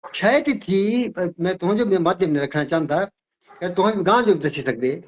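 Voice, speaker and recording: A man's voice: high voice, animated, moderate pace, highs cut off. An older man who works as an astrologer, from Himachal Pradesh, explaining emphatically in an interview and often repeating his words. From Himachal Pradesh, India.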